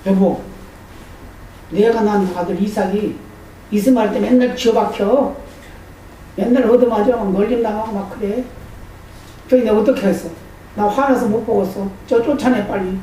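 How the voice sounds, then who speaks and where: A man's voice: high voice, steady tone, normal speed, pauses often, warm tone, lightly acted. A pastor voicing an upset older wife who complains and pleads that her rival's son be sent away. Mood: complaining. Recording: echoey hall, distant mic, faint noise.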